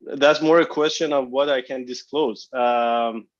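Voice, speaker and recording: A man's voice: mid-range voice, fairly even intonation, unhurried. A man, a company executive, answering analysts' questions on a conference call, speaking hesitantly with many fillers and restarts. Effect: conference call phone line. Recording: dull lo-fi conference line.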